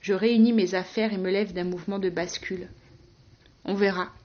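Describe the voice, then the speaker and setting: A woman narrating a first-person novel in a wry, ironic and measured tone. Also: mid-range voice, fairly even intonation, warm tone, lo-fi sound. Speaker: audiobook narrator.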